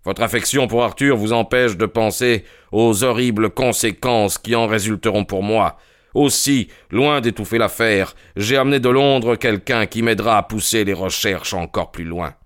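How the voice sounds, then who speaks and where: A man's voice: lowish voice, moderate pace, a bit bright, no room sound, clean studio sound, close to an everyday voice. A man reading a stubborn anxious banker. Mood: insistent. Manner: insistent, emphatic. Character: anxious, stubborn middle-aged male banker. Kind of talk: audiobook character reading.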